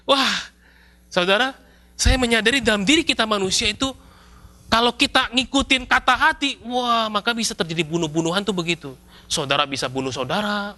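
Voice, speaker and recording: A male pastor, preaching a sermon in a lively, storytelling way with casual slang. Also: sits high. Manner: lively storytelling, acts out scenes with shouts and mock voices; casual colloquial Jakarta-style slang mixed in.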